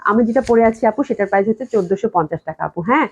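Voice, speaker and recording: A woman's voice: medium pitch, expressive, rapid-fire, breathy edge, highs cut off. A woman hosting a live online sale of dresses from her office, gushing with enthusiasm and repeating her praise, while she recovers from a cold and keeps coughing. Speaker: clothing shop owner selling dresses live. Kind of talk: live online sales stream. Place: indoors at the company office.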